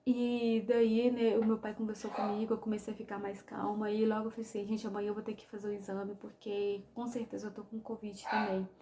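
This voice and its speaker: A woman's voice: medium pitch, level tone, fairly quick, hardly any pauses, noisy background. A young woman with a Brazilian Portuguese accent telling a personal testimony to her viewers in an emotional, storytelling way. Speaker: vlogger.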